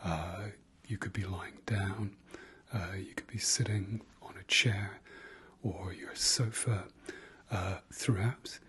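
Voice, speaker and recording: Whispering softly and breathily, a low-voiced man leads an ASMR guided meditation. His delivery is gentle and halting, with fairly even intonation, pauses and repeats that trail off.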